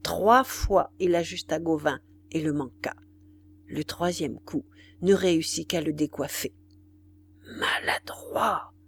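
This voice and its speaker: A woman's voice: low voice, fairly even intonation, unhurried, vocal fry, a little hiss or hum. A woman narrating a novel in a dramatic, varied audiobook reading.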